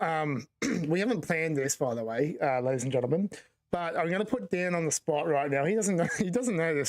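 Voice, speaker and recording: Aussie host guy, highish voice, keen, trips over his words, dry room. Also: no room sound. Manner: eager, stumbling restarts. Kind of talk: casual online chat show.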